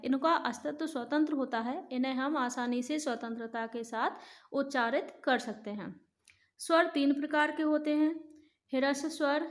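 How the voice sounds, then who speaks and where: A woman teaching a grammar lesson to children, speaking slowly and clearly and repeating lists of sounds for her pupils. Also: high voice. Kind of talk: classroom lesson.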